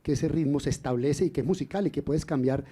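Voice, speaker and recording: A man, a singer and poet explaining rhythm in poetry in a relaxed café talk. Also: fairly high pitch, fast, husky. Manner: explanatory, chants rhythm syllables. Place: café event in Cali.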